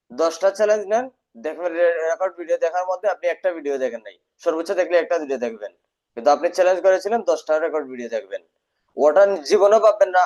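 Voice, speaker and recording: Male teacher, somewhat high voice, stern, drills by repetition, dull lo-fi video-call audio. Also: darkish tone. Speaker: English teacher. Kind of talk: live online class lecture. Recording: dull lo-fi online class audio.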